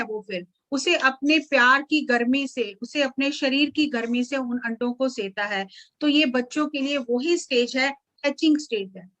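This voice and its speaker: A woman meditation teacher guiding a meditation and giving a calm, slow, explanatory spiritual talk. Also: high-pitched, lo-fi sound.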